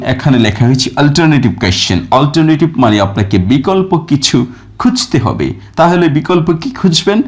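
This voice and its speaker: A man teaching a recorded grammar lesson, reading example sentences slowly and with stress, then explaining each one. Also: medium pitch. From Bangladesh. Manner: reads English examples slowly and with stress, then glosses them. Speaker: English teacher.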